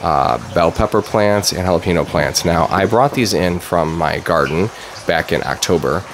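A man in his thirties giving a relaxed, chatty walkthrough as host of a DIY channel, with plenty of fillers. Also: deep voice, moderate pace, slight background noise. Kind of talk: casual walkthrough vlog. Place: basement grow room under pink grow lights; garage workshop, indoors.

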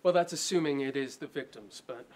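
A man's voice: mid-range voice, brisk, darkish tone, slight background noise, close to an everyday voice. A man in his thirties playing a fussy, hesitant crime-scene doctor in a noir detective film, precise and hedging. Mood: clinical.

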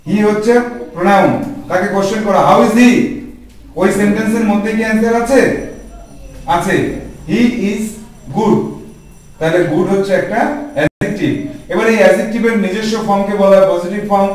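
A man teaching a spoken English grammar lesson to a class, putting questions to the students and answering them himself. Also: high voice. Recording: echoey room from far off.

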